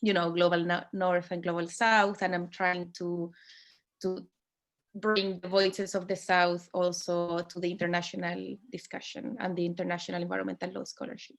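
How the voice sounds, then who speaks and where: A woman from Chile with a Chilean accent and native Spanish, introducing herself as an academic panelist, haltingly searching for phrasing. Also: on the low side, little pitch movement, vocal fry. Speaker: panelist, environmental law academic.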